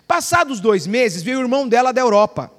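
A Brazilian man preaching a sermon, telling stories and acting out dialogue, swinging from loud declarations to soft asides. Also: very high-pitched, very animated, fairly quick, in a large hall. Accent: Brazilian Portuguese. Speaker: pastor.

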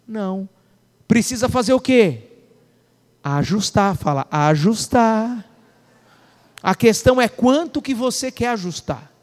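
A man's voice: very high-pitched, animated, a little slow, long reverb tail. A male pastor preaching a sermon, calling questions out to the congregation.

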